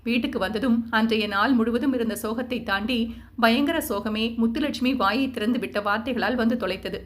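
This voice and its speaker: A woman's voice: fairly high pitch, brisk. Woman narrating a Tamil audio novel. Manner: steady storytelling. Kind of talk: scripted narration.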